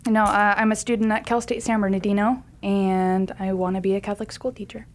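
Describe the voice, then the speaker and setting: A young woman with a middling pitch talks casually as a show contestant. She comes across as friendly, modest and a little hesitant. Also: level tone, a little fast. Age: young adult. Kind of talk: casual chat. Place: studio.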